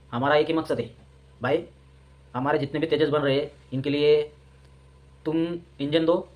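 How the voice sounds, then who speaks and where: A man hosting a reaction video, ranting in a scornful, mocking tone. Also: fairly high pitch.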